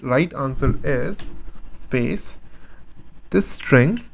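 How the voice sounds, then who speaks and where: With a medium-pitched, darkish voice marked by vocal fry, this man walks through a screen-recorded coding tutorial step by step. As the instructor, he patiently poses questions and then supplies the answers himself.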